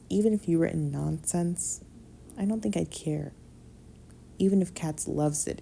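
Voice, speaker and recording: Female audiobook reader, deep and dark-toned, quiet and intimate, voices both sides of the dialogue. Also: vocal fry, slight background noise. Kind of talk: reading a novella aloud, acting out both sides of a dialogue.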